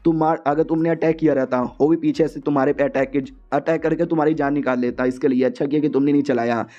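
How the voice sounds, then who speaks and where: A man voicing a clingy, timid little girl who pleads and begs in drawn-out words, heard on a dull lo-fi recording. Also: on the high side, steady tone, mellow, natural voice. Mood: earnest.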